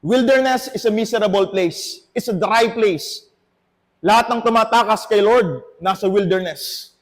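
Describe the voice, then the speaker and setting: A man's voice: high-pitched, a little slow. A Filipino man preaching a sermon to his congregation, switching between Tagalog and English. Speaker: pastor. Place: church hall. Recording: long hall reverb.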